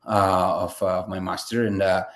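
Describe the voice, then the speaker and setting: A man's voice: sits low, level tone, measured pace. A man, a guest telling his story in a casual interview, rambling with many fillers and restarts. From Italy. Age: 30s.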